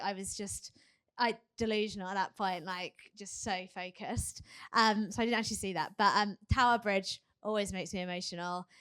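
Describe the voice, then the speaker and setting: A woman's voice: mid-range voice, fairly bright tone, clear, resonant tone. A young woman, a marathon runner, chatting and laughing often with many fillers in a live podcast interview. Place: live event hub.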